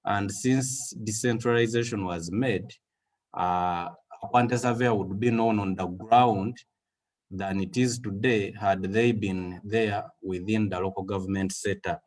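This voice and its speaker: A man in his thirties from Western Uganda with a Ugandan English accent, giving a measured webinar presentation with frequent fillers over a video call. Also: on the low side, fairly even intonation, darkish tone. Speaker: guest speaker.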